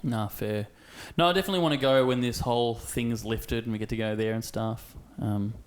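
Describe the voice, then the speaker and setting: A man's voice: mid-range voice, fairly quick. Chatty Australian man in his thirties. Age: 30s. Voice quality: swears freely, animated storytelling with put-on quotes. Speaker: podcast co-host. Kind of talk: casual chat.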